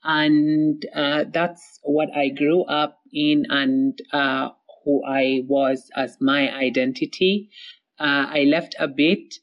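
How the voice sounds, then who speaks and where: A woman's voice: very deep voice, muffled recording. A woman from Somalia telling her story as an interview guest, earnest, with many fillers and repeated words.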